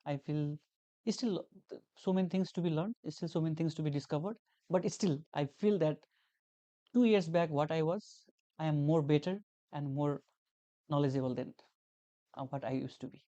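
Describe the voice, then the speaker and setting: The recording is dry and muffled: a fairly high-pitched man with a dark, steady tone speaking at normal speed. He's a young Nepali graduate teaching assistant giving an earnest guest interview in a casual setting, with many fillers and repeated phrases.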